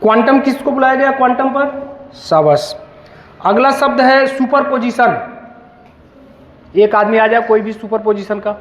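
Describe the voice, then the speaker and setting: Man, police officer teaching students, encouraging, high-pitched, long hall reverb. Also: a little slow, long pauses. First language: Hindi. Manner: calls students forward one by one, encouraging. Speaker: police officer leading a school workshop. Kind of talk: interactive classroom teaching. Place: school hall. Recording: echoey hall, dull lo-fi sound.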